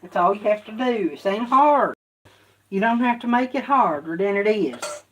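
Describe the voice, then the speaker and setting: A woman's voice: medium pitch, lively intonation, moderate pace, slight background noise. A woman talks herself through cooking in her home kitchen, rambling and repeating herself in a folksy way. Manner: rambling, repetitive folksy self-talk. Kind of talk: casual cooking commentary.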